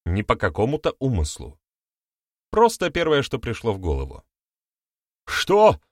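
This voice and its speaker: A man narrating an audiobook with expressive storytelling. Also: lowish voice, moderate pace, no room sound, clean studio sound. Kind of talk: scripted narration.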